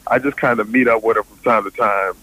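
A man, a stand-up comedian guest, joking with deadpan delivery and lots of fillers. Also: fairly low pitch, fast talker, low-quality recording. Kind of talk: joking interview banter.

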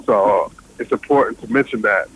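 A man, a stand-up comedian guest, joking with deadpan delivery and lots of fillers. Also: fairly low pitch, normal speed, husky, poor audio. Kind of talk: joking interview banter.

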